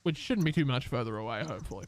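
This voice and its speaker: A man's voice: medium pitch, expressive, rapid-fire. A man giving casual live-stream commentary while playing a game, chatty and upbeat, talking to his chat and to the characters.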